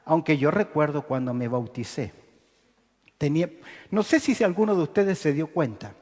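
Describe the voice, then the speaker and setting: A man's voice: fairly high pitch, expressive, normal speed, a little mellow. A man preaching a sermon as pastor, teaching emphatically and throwing out rhetorical questions for the congregation to answer, in a church sanctuary. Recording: reverberant church hall.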